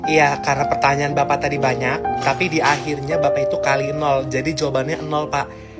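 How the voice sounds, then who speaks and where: A woman's voice: sits low, little pitch movement, fairly quick. A young woman performing a comic school skit, switching between several schoolgirl voices. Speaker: comedy creator. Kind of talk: one-person school skit. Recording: loud music bed.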